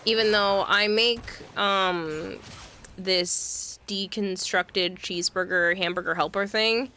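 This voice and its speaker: A woman's voice: mid-range voice, steady tone, slow, bright, forceful tone, slight background noise. A young adult woman streamer chatting casually and rambling with lots of fillers during a livestream.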